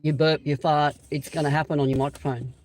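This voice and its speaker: An Australian man hosting a casual live-stream chat outdoors beside a railway siding, rambling and hesitant with lots of pauses and restarts. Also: a little high, flat delivery, darkish tone, soft background music, rough recording. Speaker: channel host.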